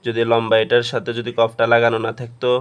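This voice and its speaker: A man teaching Quran reading, slowly spelling out letters and syllables one by one in a step-by-step lesson. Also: medium pitch, completely flat delivery, smooth. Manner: slow, drilled syllable-by-syllable recitation.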